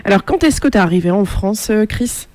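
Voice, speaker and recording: A woman's voice: mid-range voice, lively intonation, a little fast, a little mellow. A woman hosting a radio show, introducing an artist and asking friendly, chatty questions. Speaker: radio host.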